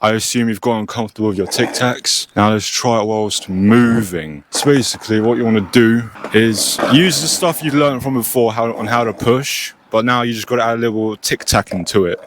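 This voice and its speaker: A man giving a casual, informal step-by-step beginner tutorial as host, recorded on a cheap, low-quality microphone. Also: normal speed, few pauses. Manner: informal, mildly sweary. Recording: cheap low-quality mic, noisy, clicks.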